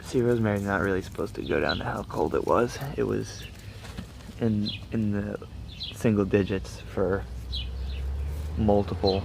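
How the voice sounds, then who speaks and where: A man's voice: fairly low pitch, gravelly. A man giving a casual, laid-back walk-and-talk garden vlog with mild swearing, recorded outdoors. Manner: laid-back, mildly profane. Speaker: gardener vlogger. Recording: noisy outdoor recording with ambient sounds. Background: outdoor ambience.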